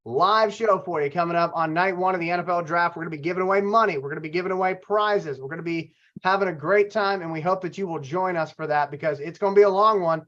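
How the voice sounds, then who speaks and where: High-voiced opinionated man on a call. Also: quick pace, hardly any pauses, lo-fi sound. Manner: animated, opinionated, swears freely. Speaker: podcast host. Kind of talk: casual sports chat. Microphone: video call.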